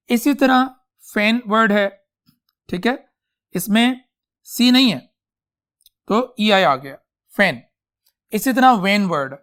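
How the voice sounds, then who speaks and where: A man with a Pakistani accent teaching an English class, speaking slowly and deliberately, checking often whether students follow and addressing them fondly. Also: high-pitched. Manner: slow and deliberate, calls students "beta", repeats checks like "clear?". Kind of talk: classroom lecture mixing Hindi-Urdu and English.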